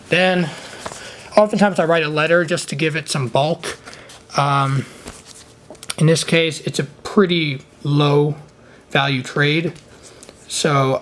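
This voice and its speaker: A man with a slight lisp from wearing a retainer, giving a casual, off-the-cuff hands-on tutorial. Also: mid-range voice. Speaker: trading card hobbyist giving a how-to. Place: indoor room at a desk. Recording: noticeable background noise, handling clicks.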